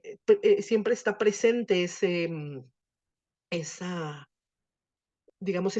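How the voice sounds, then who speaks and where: A woman's voice: mid-range voice, a little mellow, highs cut off. A woman teacher explaining Latin grammar in an online class, patient and full of fillers.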